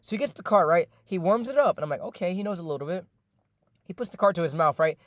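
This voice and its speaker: Fast-talking young man telling a story. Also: sits high, expressive, dry recording, studio quality. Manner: rambling, slangy and profane, heavy fillers. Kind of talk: casual storytime narration. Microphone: voice-over.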